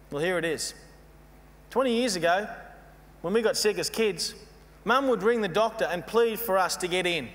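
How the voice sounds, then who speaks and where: A man giving a storytelling keynote speech, animated and mocking as he acts out scenes. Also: high voice. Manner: animated, mocking, playfully acts out quoted voices. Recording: long hall reverb with faint hum.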